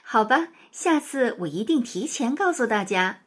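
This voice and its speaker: Storybook casting: a woman as a kind young teacher, gentle and smiling, bright lilting voice. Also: on the high side, animated, normal speed, slightly rough. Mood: cheerful. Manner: warm, gentle, smiling delivery.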